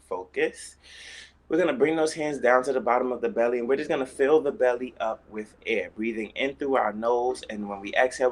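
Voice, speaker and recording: A man leading a live-streamed guided breathing class, calm and coaxing, checking in often with "okay?" and "all right?". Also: lowish voice. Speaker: breathwork instructor.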